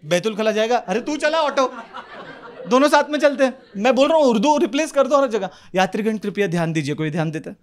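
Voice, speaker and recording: A young man with a Mumbai Hindi accent doing an animated stand-up set on a club stage, swinging his voice into quick street characters. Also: very high voice, slight background noise. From India. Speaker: stand-up comedian. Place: comedy club stage with live audience. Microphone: handheld stage mic. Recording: live club recording with audience laughter.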